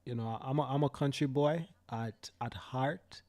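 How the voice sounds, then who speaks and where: Steady and mid-range, with a touch of mellowness and a slightly slow pace, this young Jamaican livestreamer delivers heated commentary. His rant is fiery and profane, full of repetition to drive points home.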